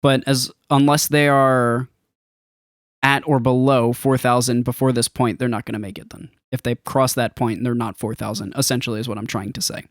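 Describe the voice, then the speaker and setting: The audio is dry and studio quality as a man with a mid-range voice shows off a game he built. He talks through the screen recording informally, tutorial-style, rambling a little while thinking aloud.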